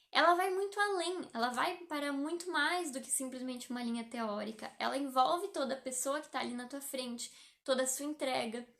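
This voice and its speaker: A woman's voice: high voice, a bit bright. A young Brazilian woman, a psychologist, talking casually and explaining things on a live stream, with lots of fillers. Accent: Brazilian Portuguese. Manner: chatty and explanatory, with many fillers.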